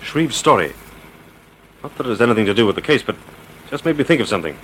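An actor playing a confident, urbane gentleman sleuth, decisive and suave, in a vintage radio drama. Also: medium pitch, sing-song, fast talker. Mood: urgent. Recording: noisy vintage radio recording.

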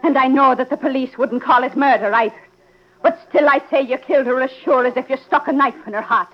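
A woman's voice: high-pitched, fast talker. A woman playing a bitter, grieving, accusing mother in melodramatic, vehement old radio drama style. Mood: bitter accusation. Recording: dull old radio recording.

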